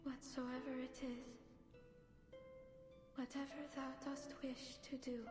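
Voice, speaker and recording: An actress playing a tender, anxious, devout woman of olden times in a video game, speaking solemn archaic English with a soft voice. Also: sits high. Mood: worried, pleading. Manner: solemn, slow archaic phrasing. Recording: long echoing reverb under music.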